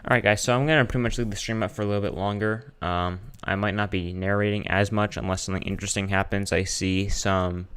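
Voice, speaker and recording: A man's voice: fairly low pitch, steady tone, quick pace, hardly any pauses, a bit bright, clean tone. A man giving casual live weather commentary as a streamer, informal and hesitant, often thinking aloud as he checks his screen.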